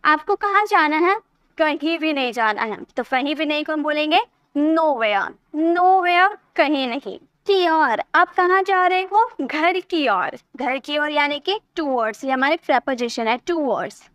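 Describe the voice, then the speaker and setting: Woman teacher, high voice, patient vocabulary explainer, dry close mic. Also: animated, takes it slowly, fairly bright tone, dry recording. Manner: patient, explains with everyday example sentences. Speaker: English teacher. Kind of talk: vocabulary lesson.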